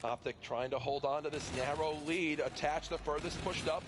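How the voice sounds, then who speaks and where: Excitable guy calling esports play by play, highish voice, lots of noise behind. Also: moderate pace. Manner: excitable, builds to shouting at climaxes. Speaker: esports caster.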